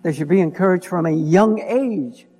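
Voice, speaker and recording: A male pastor preaching an expository sermon, pausing with "uh" and restating points in plain words. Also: high-pitched, mellow. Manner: expository, frequent "uh" and "in other words" asides. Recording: long hall reverb.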